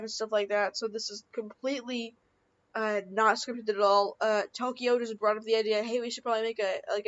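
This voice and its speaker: A woman's voice: fairly high pitch, lo-fi sound. A woman reading out chat messages in improvised, unscripted commentary, rambling with frequent restarts and fillers. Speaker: channel creator reading screenshots.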